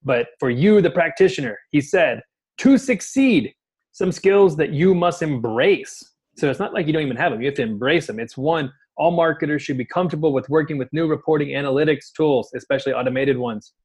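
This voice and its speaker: A man in easy casual conversation as a podcast co-host. He talks in a relaxed, unhurried way and laughs readily. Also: on the high side, slightly rough. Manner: easygoing, laughs often, many fillers. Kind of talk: casual chat.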